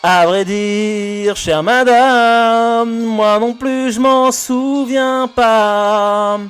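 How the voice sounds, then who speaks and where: Brief: male performer as formal gentleman, sung with mock gravity, slow. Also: very high voice, steady tone, clean tone, soft background music, heavily acted. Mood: mock-solemn. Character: stiff formal gentleman in an absurd play. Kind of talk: sung comic parody of theatre lines.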